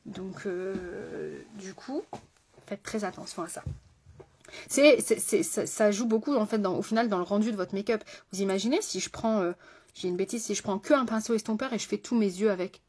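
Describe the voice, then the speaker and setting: A woman's voice: medium pitch, normal speed, a little mellow, breathy edge. A woman makeup artist chatting through a live makeup tutorial, talking straight to her viewers with rambling asides.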